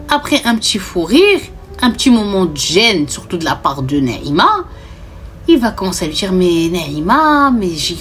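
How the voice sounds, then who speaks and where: A woman mixed words, telling a story casually and acting out each character's lines. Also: medium pitch. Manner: animated, acts out dialogue, mixes in Arabic words.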